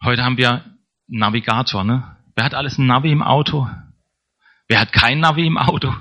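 A man's voice: medium pitch, steady tone, a little fast, bright, forceful tone. A man preaching a sermon in a conversational way, often checking in with the congregation. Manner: conversational, tag questions to congregation.

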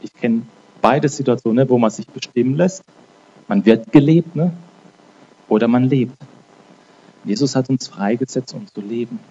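Man preaching casually, dark voice. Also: mid-range voice, normal speed, long pauses, highs cut off, a little hiss or hum. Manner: conversational, frequent "ne?" tags; repeats and restarts words. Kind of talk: informal sermon with prayer.

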